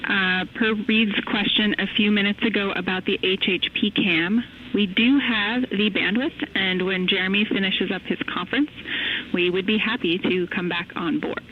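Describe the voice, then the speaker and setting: A woman relays questions from mission control in measured, procedural radio calls. Her voice comes through a narrow, crackly space-to-ground link, squeezed down to a tinny band. Faint hiss sits underneath every word. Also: mid-range voice, fairly even intonation. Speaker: mission control capsule communicator.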